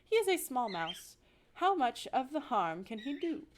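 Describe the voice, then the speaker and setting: A woman's voice: high voice, very animated, unhurried, slight background noise, pitched above the performer's own voice. A woman voicing a haughty, dismissive mother mouse with a mock-French manner.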